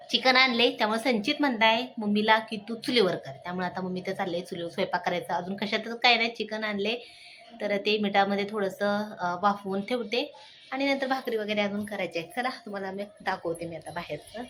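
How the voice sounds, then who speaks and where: A woman's voice: medium pitch, brisk, fairly bright tone, a little hiss or hum. A woman in her thirties from Maharashtra, chatting casually to the camera as a vlogger at a village home in the evening, talking to her viewers and family as she goes. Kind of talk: casual vlog chat. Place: outdoors at a village home by a wood stove, evening.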